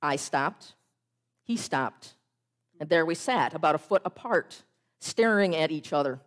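A woman preaching a sermon, telling a story in a measured way and slowing down on key phrases. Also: low voice, lively intonation.

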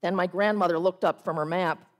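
A woman preaching a sermon, telling a story in a measured way and slowing down on key phrases. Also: fairly low pitch, fairly even intonation.

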